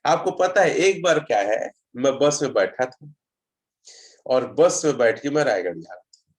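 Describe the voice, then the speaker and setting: A man's voice: medium pitch, expressive, a little slow. A man giving a casual online session on road safety, telling stories and reading out viewer comments. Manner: chatty storyteller, reads out viewer comments.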